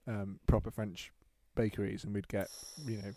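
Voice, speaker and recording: A man in his thirties from England co-hosts a podcast, telling stories in a chatty, casual way and laughing often. His lowish voice has a dark tone, flat delivery and a moderate pace, and the recording is dry.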